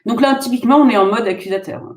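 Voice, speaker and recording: French female therapist, high-ish voice, measured tone, echoey room. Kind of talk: casual discussion between therapists.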